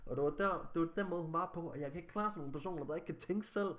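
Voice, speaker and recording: A man's voice: fairly high pitch, a bit bright. A young man vlogging, recounting a personal story in an agitated, angry way with heavy swearing.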